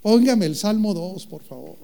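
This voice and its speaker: A man preaching a sermon, joking with the congregation and calling out questions, with slow, emphatic phrasing. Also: sits high, expressive, vocal fry, dark tone. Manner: playful, jokes with the congregation, calls out questions. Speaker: pastor.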